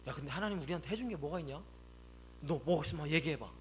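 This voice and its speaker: A man's voice: fast talker, a little hiss or hum, lightly acted. A male preacher voicing scornful ancient men who mutter offhandedly about cheap offerings. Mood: scoffing. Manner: scoffing, offhand, low mutter.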